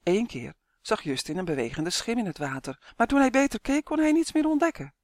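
Steady, clear children's storybook narrator; mid-pitched, dry studio sound. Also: brisk, dry recording. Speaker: audiobook narrator.

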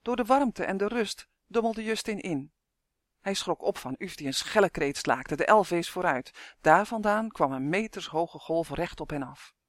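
Casting: a male storybook narrator, fairly high voice, clear and even, dry close studio sound. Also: moderate pace, no echo. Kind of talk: audiobook narration.

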